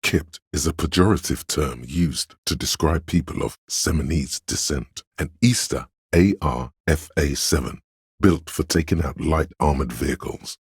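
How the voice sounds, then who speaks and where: A man with a very deep, husky, exaggerated voice plays a learned, pedantic inner voice in a video game. He narrates trivia in an erudite, measured, matter-of-fact way, adding dry asides. There is no echo.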